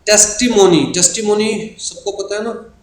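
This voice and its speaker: A man with an Indian English accent teaching an exam-prep lecture, explaining terms patiently and slowing down when he reads out definitions. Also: sits high, fairly even intonation. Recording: echoey room with faint hiss.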